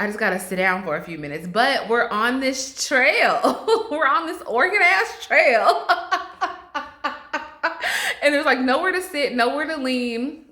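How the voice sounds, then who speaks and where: A young woman tells a personal story in a casual vlog, slow-paced and laughing often. Her voice is bright and forceful. The room is echoey. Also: a little high. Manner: animated, laughing often, acting out her own panic. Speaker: vlogger telling a story.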